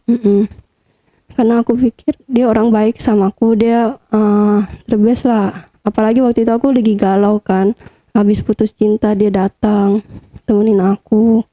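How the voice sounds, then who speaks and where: A woman's voice: medium pitch, flat delivery, moderate pace, warm tone, no room sound. A young woman being interviewed, telling a personal story casually, with lots of hesitant fillers. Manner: chatty, hesitant with many fillers. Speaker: interview guest.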